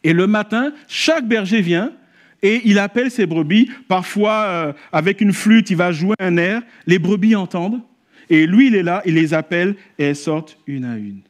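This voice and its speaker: Preaching man, lively and animated. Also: sits high, normal speed. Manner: storytelling, rising to animated exclamations. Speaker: pastor. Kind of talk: sermon. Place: church service.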